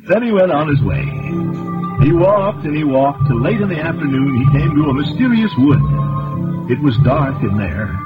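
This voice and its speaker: A man tells a children's tale in a folksy, chatty way, chuckling at his own asides. His voice sits a bit high and swoops widely in pitch. It comes through a very old, dull recording with loud music under it. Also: sing-song, unhurried. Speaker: storyteller. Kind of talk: children's story narration.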